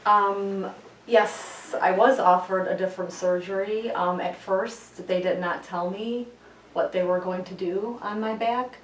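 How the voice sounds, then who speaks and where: A woman's voice: mid-range voice, fairly even intonation, unhurried, a little hiss or hum. A woman giving brief, agreeable answers as a patient in a casual testimonial interview. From United States, Chicago area. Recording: distant mic in echoey room.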